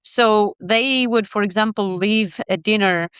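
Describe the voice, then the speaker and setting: A woman from Morocco co-hosting a podcast, playful and quick to laugh as she tells a story. Her voice is mid-pitched and recorded dry and close. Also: fairly bright tone, clean tone, no room sound. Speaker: podcast co-host. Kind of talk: podcast interview.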